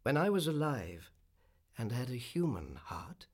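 A storyteller voicing a gentle, melancholy statue of a prince in a storybook, reminiscing in measured, formal phrases. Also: mid-range voice, big pitch swings, husky. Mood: wistful.

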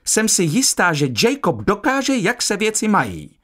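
A man voicing a gentle woman calming two quarrelling men in an audiobook. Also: high voice, voice pushed up, heavily acted. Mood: placating.

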